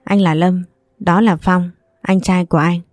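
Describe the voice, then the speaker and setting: A woman's voice: lowish voice, steady tone, unhurried, darkish tone, dry recording, natural voice. A woman voicing an apologetic, caring young man who talks earnestly and reassuringly.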